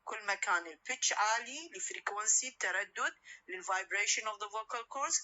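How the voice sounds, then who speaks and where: A woman's voice: medium pitch, sharp tone, poor audio. A woman lecturer, patiently explaining and asking rhetorical questions she answers herself. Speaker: university lecturer. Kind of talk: recorded lecture, switching between English and Arabic.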